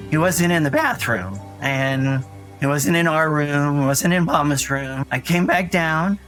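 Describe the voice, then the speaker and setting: A young boy named Dougie, frightened and earnest, tells of his brother's disappearance in rambling, halting, childlike fashion. His bright voice sits a little high, delivered as naturalistic audio drama acting with music beneath.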